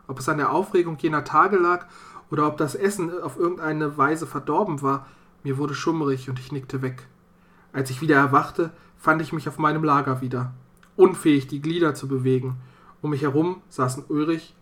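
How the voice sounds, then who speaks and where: A narrator reading a dark folk tale in the first person, measured and storytelling. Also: mid-range voice. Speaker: audiobook narrator.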